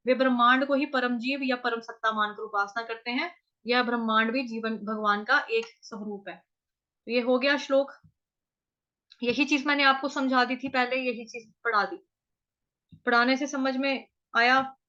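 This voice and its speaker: A woman with a North Indian accent teaching Sanskrit verse recitation, drilling each syllable slowly and repeating it several times. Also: fairly high pitch, pushed and bright, muffled recording. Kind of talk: chanting lesson, syllable by syllable.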